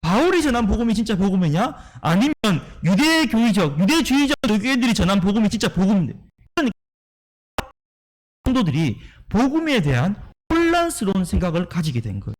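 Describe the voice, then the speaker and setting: A man's voice: sits high, very animated, brisk. A male pastor preaching a sermon, emphatic and full of rhetorical questions to the congregation, sounding tired and worn out from preaching often. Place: church sanctuary.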